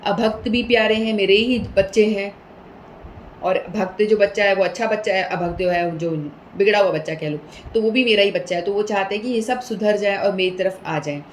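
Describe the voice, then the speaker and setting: A woman giving a patient scripture talk, mixing English words in and chanting Sanskrit verses slowly. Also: medium pitch, a little hiss or hum, poor audio. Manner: patient, explanatory, repeats points with everyday examples; mixes English words into Hindi. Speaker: speaker explaining scripture.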